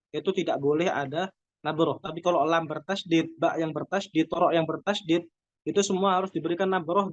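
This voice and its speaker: An Indonesian man teaching Quran recitation rules, explaining step by step and then reciting slow, drawn-out examples. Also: fairly high pitch, no echo. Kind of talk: tajwid lesson with recited examples. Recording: dull, dry lo-fi recording.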